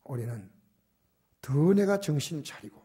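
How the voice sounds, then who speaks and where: An older man preaching a sermon as pastor in a church, swinging between loud emphatic exhortation and soft, almost whispered asides. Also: fairly high pitch, animated, moderate pace, slightly rough. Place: church sanctuary.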